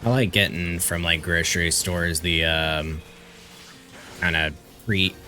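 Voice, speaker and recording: A man's voice: low-pitched, steady tone, slow, sharp tone, a little hiss or hum. A man streaming a game, chatting casually and swearing offhandedly. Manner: laid-back, swears casually. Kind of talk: casual chat while gaming.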